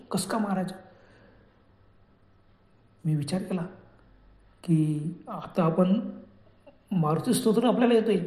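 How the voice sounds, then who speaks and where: A man's voice: high-pitched, dark tone, reverberant. A man telling a first-person horror story in a dramatic, breathless way.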